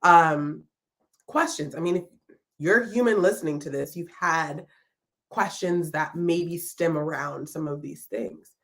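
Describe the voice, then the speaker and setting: A woman with a somewhat low voice hosts a live-streamed podcast from her home. She speaks warmly and reflectively, welcoming her audience and encouraging them. Her talk is unscripted and loose, with plenty of ums and restarts. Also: unhurried. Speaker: podcast host.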